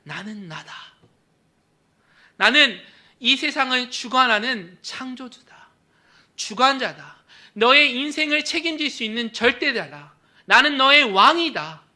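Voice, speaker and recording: Commanding Jesus, a preacher acting him out in a sermon: high, sharp, declaiming. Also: male voice, normal speed, few pauses, husky, full character voice. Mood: proclaiming. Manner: declaiming, rising and forceful. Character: Jesus, a calm, commanding man speaking with divine authority.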